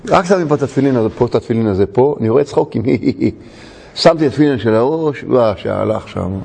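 Gravelly-voiced man telling a story. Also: mid-range voice. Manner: animated storyteller, laughs often. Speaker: religious teacher. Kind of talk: storytelling sermon. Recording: long hall reverb.

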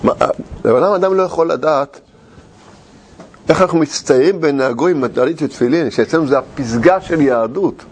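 A middle-aged man telling a personal anecdote in casual talk. He is animated and laughs through his story, but halts often, restarting and searching for words. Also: on the high side, slightly rough.

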